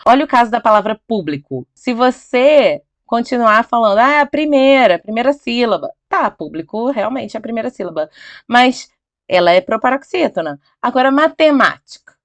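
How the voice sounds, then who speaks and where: A middle-aged Brazilian woman teaching Portuguese grammar over slides, checking in often with her viewers and drawing out key words slowly for emphasis. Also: mid-range voice, dry recording. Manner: chatty, checks in with "tá?" and "ok?".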